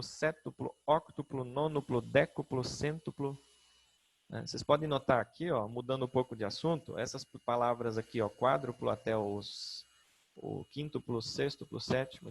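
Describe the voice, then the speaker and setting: Man, Brazilian Portuguese accent, middle-aged teacher, gravelly, husky, patient, explains step by step. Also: mid-range voice. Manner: patient, checks in with "né?" and "tá?". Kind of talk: explaining a grammar lesson.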